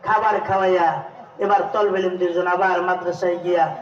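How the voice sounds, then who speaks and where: Man, preacher, chanting shouted sermon, high voice, distant echoey hall, lo-fi sound. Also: little pitch movement, fairly quick. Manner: chanting and shouting, calls the crowd to repeat. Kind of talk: sung Bengali waz sermon.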